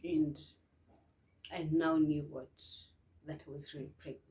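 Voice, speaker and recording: Slow soft-spoken young woman. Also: low voice, steady tone, dull audio. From Kenya. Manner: emotional, hesitant, many restarts, soft trailing phrases. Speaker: vlogger. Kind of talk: personal storytelling to camera.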